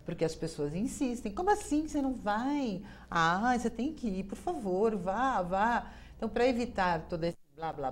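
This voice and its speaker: A woman's voice: lowish voice, darkish tone, slight background noise. A woman with a Brazilian accent hosting a TV advice program, talking conversationally and ending many phrases with a tag question. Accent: Brazilian Portuguese. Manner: conversational, constant tag questions, acts out quoted voices. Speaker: TV program host. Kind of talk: monologue on emotional advice.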